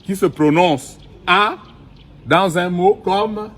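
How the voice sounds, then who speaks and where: A middle-aged man giving a recorded language lesson outdoors, speaking slowly and deliberately and repeating each vowel and example word. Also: high voice, a bit bright. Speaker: language teacher. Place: outdoors in the sun.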